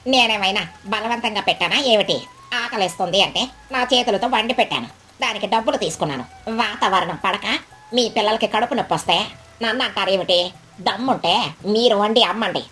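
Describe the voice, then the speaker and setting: A greedy crow cook from a cartoon story talks brash and haughty in a plain middle pitch, as a woman puts her on. She sounds full of herself and dismissive of every complaint, with faint music under the voice. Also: normal speed, a bit bright, lightly acted. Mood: scornful. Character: greedy, boastful crow who sells curry.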